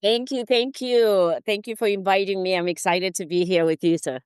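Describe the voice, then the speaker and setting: A middle-aged woman from Zimbabwe, a therapist and motivational speaker, telling her story as a guest in a relaxed interview, laughing now and then. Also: mid-range voice, normal speed, clear, resonant tone, no echo, clean studio sound. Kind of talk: casual interview talk.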